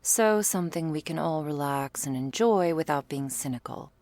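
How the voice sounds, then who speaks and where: In a dry recording, a woman with a low, expressive, darkish voice speaks at a normal pace. She plays a doting, teasing female vampire lover in an intimate ASMR roleplay, playful and affectionate. Her whispery, breathy asides are full of pet names and quaint, tender turns of phrase.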